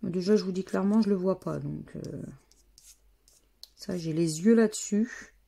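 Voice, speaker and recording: A woman's voice: lowish voice, measured pace, vocal fry, mellow. A woman from France giving a casual running commentary as she scratches lottery tickets, spelling out letters one by one. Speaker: scratch-card vlogger.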